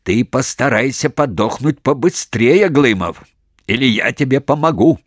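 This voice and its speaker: Bullying army major, shouting and threatening, read by a man in an audiobook, dry close sound. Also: sits low, animated, a little slow, dry recording, heavily acted. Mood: furious. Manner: shouting, sharp and menacing. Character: hot-tempered male army major, threatening.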